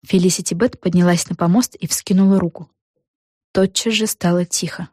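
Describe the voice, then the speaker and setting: A woman's voice: on the low side, fairly even intonation, normal speed, darkish tone, dry recording, studio quality. Woman narrating a storybook. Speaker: audiobook narrator.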